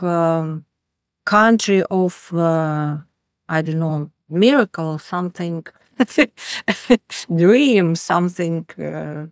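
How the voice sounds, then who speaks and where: Slow, halting Ukrainian-accented woman. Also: fairly low pitch, no echo, studio quality. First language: Ukrainian or Russian. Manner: halting, searching for words, many fillers. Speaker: interviewee. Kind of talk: interview storytelling.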